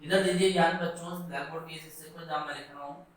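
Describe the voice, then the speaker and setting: A man's voice: on the high side, steady tone. A man teaching schoolchildren at a blackboard, patiently explaining, asking and answering his own questions, and drawing out each stressed word. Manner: drawn-out, stressed Sanskrit words. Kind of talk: classroom lesson at a blackboard. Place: classroom. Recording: echoey room, voice from a distance.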